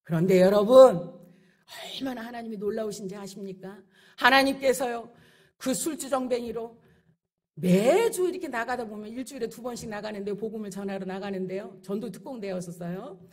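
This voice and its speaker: A woman's voice: fairly high pitch, fairly quick, darkish tone. A middle-aged woman pastor preaching a sermon with rising passion, acting out the people she quotes. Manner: impassioned preaching with acted-out quotes.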